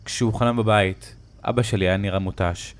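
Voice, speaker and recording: A man narrating a horror story in a slow, dramatic storytelling manner. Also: lowish voice, steady tone.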